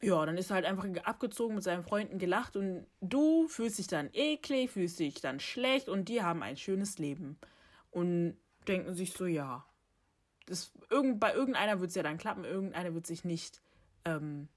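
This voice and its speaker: A woman's voice: lowish voice, expressive, normal speed. A young woman in a casual conversation, speaking frankly and with indignation, talking things through in long runs. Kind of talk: casual chat.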